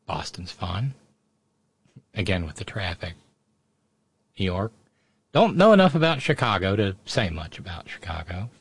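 A man's voice: low-pitched, very animated, unhurried, creaky, long pauses, husky. A man hosting casual live political commentary in a sardonic, mocking manner. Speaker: host of political commentary show.

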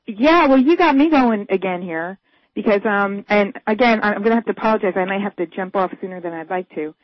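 A woman's voice: medium pitch, no room sound. Woman caller on a tinny phone line. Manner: earnest and urging, with quick restarts. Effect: heard over a phone line on a radio show. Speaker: radio show caller. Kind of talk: casual call-in chat.

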